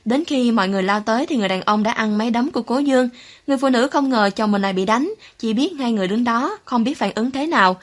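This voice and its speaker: A woman narrating a story in a steady scripted reading, voicing every character in much the same voice. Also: a little high, fast talker. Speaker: audiobook narrator.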